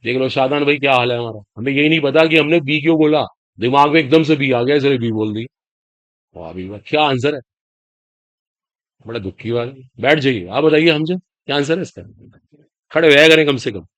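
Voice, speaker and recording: A man's voice: medium pitch, brisk, fairly bright tone, poor audio. A man teaching chemistry to a class, questioning students and repeating key points. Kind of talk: classroom lecture.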